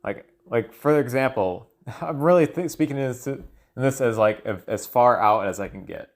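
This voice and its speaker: In a mid-range voice at a moderate pace, a man loosely thinks out loud for his solo audio log, hesitating often and drifting off mid-thought as he gropes for words.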